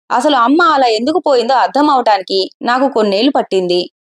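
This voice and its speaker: A grieving young husband, read by a woman in a storybook telling, guarded and quietly confessional. She keeps her own slightly high voice. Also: close to an everyday voice.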